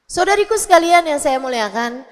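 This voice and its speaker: High-voiced woman preacher in a reverberant hall. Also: fairly quick. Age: 40s. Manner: lively, chatty, scolding with acted quotes. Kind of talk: religious lecture to women.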